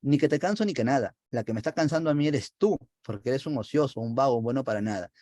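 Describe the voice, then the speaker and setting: A man's voice: medium pitch, fast, darkish tone, no room sound, natural voice. Man reading a scheming, scolding wife, dry and close.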